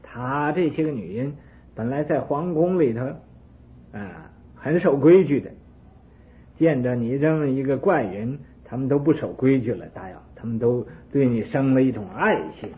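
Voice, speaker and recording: A man voicing a jealous, hot-tempered ancient king who shouts his taunts, heard through a narrow phone-like recording. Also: medium pitch, normal speed, lightly acted.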